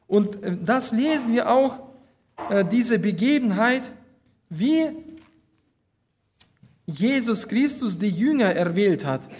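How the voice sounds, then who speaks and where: A man preaching a sermon, reading Bible verses aloud and explaining them slowly and deliberately, with some hesitations. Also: sits high, expressive, a little mellow.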